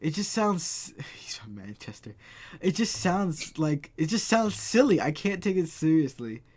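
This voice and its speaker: Loud ranting young man. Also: sits high, lively intonation, unhurried. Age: 20s. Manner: loud, ranting, swears freely. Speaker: podcast host. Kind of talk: casual chat.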